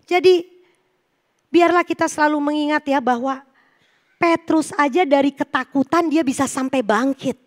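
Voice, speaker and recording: A middle-aged woman preaching a sermon at a church service, telling stories in a lively, joking way and talking directly to the congregation. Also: high voice, moderate pace.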